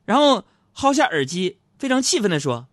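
Animated male comic storyteller, dry sound. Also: high-pitched, normal speed, no room sound. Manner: animated storytelling, acts out other voices. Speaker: comedy radio host. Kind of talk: stand-up style comic monologue.

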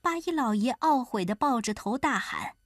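A woman narrating a children's folk tale in an expressive storytelling manner. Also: fairly high pitch, normal speed, no echo, clean studio sound.

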